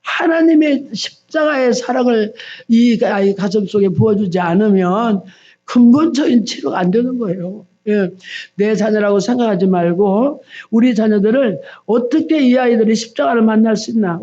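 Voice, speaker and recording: Warm-voiced woman preaching a sermon. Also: a little high, lo-fi sound. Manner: storytelling, acting out people's pleas. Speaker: evangelist preacher. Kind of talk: sermon at a dawn prayer service.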